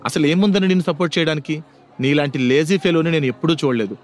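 A man voicing a proud, sharp-tongued young college woman in an audio story, scolding and scornful. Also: fairly high pitch, quick pace, faint music behind, lightly acted. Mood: harsh.

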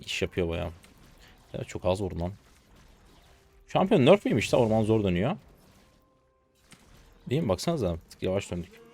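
A hoarse man in his twenties giving slangy live commentary to viewers while he plays a game. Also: lowish voice, big pitch swings, a little mellow. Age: 20s. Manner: rapid slangy chatter to viewers. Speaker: gaming streamer.

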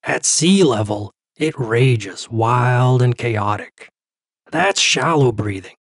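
Man playing a calm therapist, very slow soothing delivery, husky voice, dry. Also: mid-range voice, no echo. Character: calm male therapist guiding meditation.

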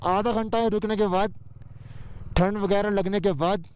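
A man's voice: high voice, fairly even intonation, unhurried, darkish tone. A man narrating his travel vlog casually, chatting to viewers as guys and mixing in English. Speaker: travel vlogger. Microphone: action camera. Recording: noisy action-camera audio with vehicle sounds.

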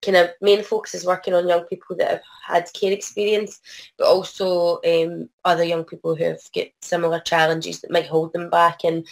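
Croaky Scottish woman, fairly even pitch. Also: moderate pace. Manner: hesitant, apologetic, frequent self-interruption. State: has a cold. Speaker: presenter, arts organisation producer. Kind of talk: informal online presentation. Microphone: video call.

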